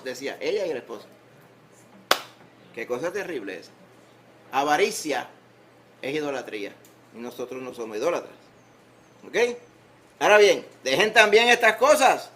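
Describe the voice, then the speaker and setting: In a church sanctuary, a pastor with a Puerto Rican Spanish accent delivers a conversational sermon full of humor and rhetorical questions. His voice is a little high with a fairly bright tone, and there's slight background noise.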